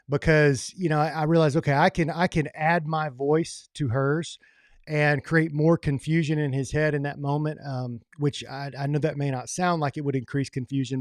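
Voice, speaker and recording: Man telling a motivational story, slightly high voice. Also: dry recording, studio quality. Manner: conversational, restarts phrases. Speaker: host of a men's coaching program.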